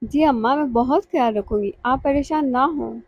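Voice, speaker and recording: A woman reading the lines of a young daughter who answers in quiet, subdued replies, full of guilt. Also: sits high, breathy edge, highs cut off.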